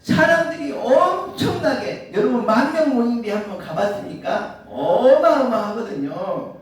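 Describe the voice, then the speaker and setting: Man, pastor, lively high voice, sermon full of rhetorical questions, very echoey room. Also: unhurried. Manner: animated preaching with rhetorical questions. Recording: very echoey room, mic far off.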